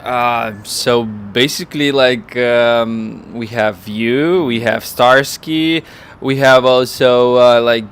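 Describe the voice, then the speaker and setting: Man, Ukrainian speaker, average pitch, halting phrasing, casual interview guest, faint outdoor traffic noise. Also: a bit bright. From Estonia. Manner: halting, hesitant non-native phrasing. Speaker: guest, volunteer campaign coordinator. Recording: noisy outdoor city street with traffic.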